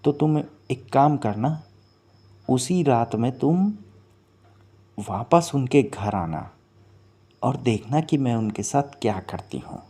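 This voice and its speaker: A man voicing a calm, vengeful mermaid. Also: mid-range voice, takes it slowly, pauses often, breathy edge, voice pushed up. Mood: instructing.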